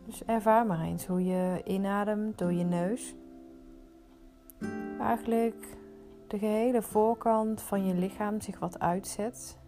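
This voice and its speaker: A woman leading a guided meditation, giving soothing, unhurried instructions with pauses. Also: mid-range voice, steady tone, warm tone, faint music behind.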